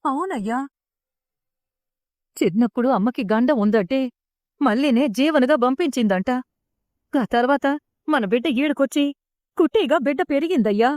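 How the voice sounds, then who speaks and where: A woman's voice: high-pitched, animated, moderate pace, pauses often, darkish tone, dry recording, studio quality. A woman voicing an earnest Telangana village mother. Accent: Telangana Telugu. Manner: urgent, pleading storytelling. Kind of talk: serial recap voice acting.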